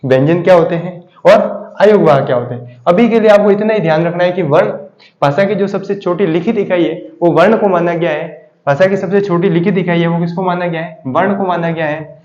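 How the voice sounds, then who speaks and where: A man's voice: sits high, fairly quick, darkish tone. Male teacher, raised voice, asks then answers his own questions, echoey room. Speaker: Hindi grammar teacher. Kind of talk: classroom lesson. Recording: echoey room, dull lo-fi sound.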